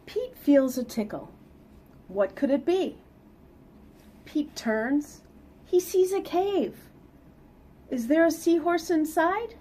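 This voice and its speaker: Casting: middle-aged woman storyteller, higher voice, very lively intonation, picture-book reading for young children. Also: slow pace, long pauses. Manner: animated, sing-song emphasis for young listeners. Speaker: read-aloud storyteller. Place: small plain indoor room.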